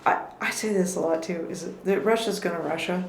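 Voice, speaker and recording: Speaking briskly in a lowish, creaky voice, a woman appears as a podcast guest in an easygoing political discussion. She's careful and reflective, frequently starting her sentences over, and the recording has room echo and faint noise.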